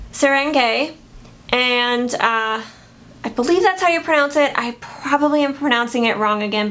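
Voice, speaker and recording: Woman beauty vlogger, slightly higher voice, casual and chatty, hesitant with lots of fillers. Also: a bit bright. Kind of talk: casual product review.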